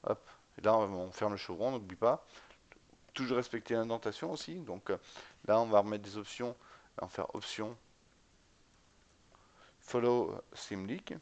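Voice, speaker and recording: A man's voice: on the low side, moderate pace. A man giving a casual step-by-step tutorial on setting up a web server, spelling out commands letter by letter and often checking in with the viewer. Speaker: tutorial instructor. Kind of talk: screen-recorded command-line tutorial.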